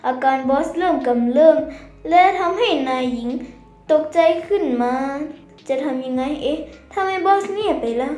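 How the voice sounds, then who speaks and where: A woman's voice: high-pitched, animated, moderate pace, a little mellow. A woman voicing a loyal, deferential young male bodyguard in a manga dub. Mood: earnest. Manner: polite, deferential. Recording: echoey room, faint music.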